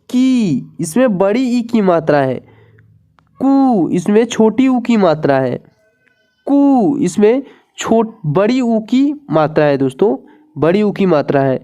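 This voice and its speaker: A woman's voice: mid-range voice, warm tone. A woman teaching the Hindi alphabet in an online lesson, reading letters aloud one by one and often checking in with her viewers. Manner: slow and deliberate, keeps asking "ठीक है दोस्तों".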